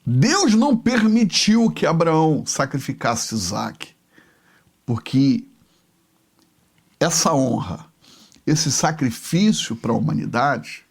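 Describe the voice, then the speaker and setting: Male bishop, storytelling sermon, high lively voice, unhurried. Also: husky. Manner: emotional, slow, dwelling on each phrase.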